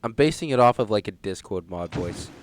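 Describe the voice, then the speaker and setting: A man's voice: lowish voice, lively intonation, brisk, slight background noise. A man casually commenting on his gameplay in a goofy, rambling, self-deprecating way. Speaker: gaming channel host.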